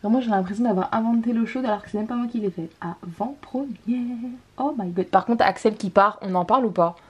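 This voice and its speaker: A woman's voice: medium pitch, fast talker, dull audio. A young woman, chatting casually in a bubbly, playful vlog and dropping English slang. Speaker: vlogger.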